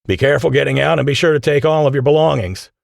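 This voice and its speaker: Brisk male chopper pilot, as a narrator puts him on, businesslike, dry sound. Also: mid-range voice, gravelly, no room sound, voice pushed up.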